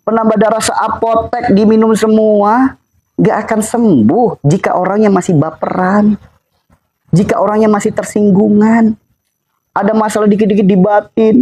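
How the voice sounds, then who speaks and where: A man with a Sundanese lilt delivers a faith-based health talk to an audience. His voice sits fairly high, and he hammers his points home with questions he repeats again and again. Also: a little mellow, low-quality recording. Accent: Sundanese-accented Indonesian. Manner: fires repeated rhetorical questions at the crowd; emphatic and repetitive, drilling points home. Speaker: religious health speaker.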